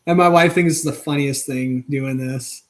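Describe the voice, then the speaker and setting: A man's voice: medium pitch, steady tone, normal speed. Rambling casual man on a live stream. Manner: loose and rambling, lots of fillers and restarts. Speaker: channel host.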